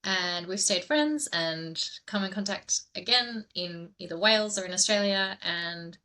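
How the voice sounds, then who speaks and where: A woman hosting a podcast in a relaxed, chatty way, laughing easily and dropping into soft asides. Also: mid-range voice, a little slow. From grew up in southern India. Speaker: podcast host. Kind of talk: casual podcast chat.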